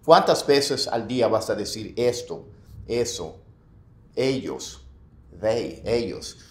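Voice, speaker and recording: A man giving a casual video lesson on English pronunciation, animated, saying sample words first wrong and then right. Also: fairly low pitch, takes it slowly, roomy sound.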